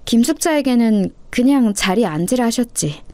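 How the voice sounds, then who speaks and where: A woman's voice: fairly high pitch, expressive, moderate pace, no echo, studio quality. A woman voicing an earnest orphan girl who firmly comforts and lectures her little sister. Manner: firm, gently scolding.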